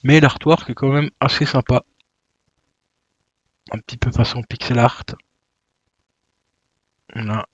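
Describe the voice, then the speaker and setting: A man's voice: mid-range voice, fairly even intonation, slow, pauses often, no echo, dull audio. A man chatting casually while he unboxes a video game, with lots of fillers and self-corrections. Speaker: YouTuber unboxing video games.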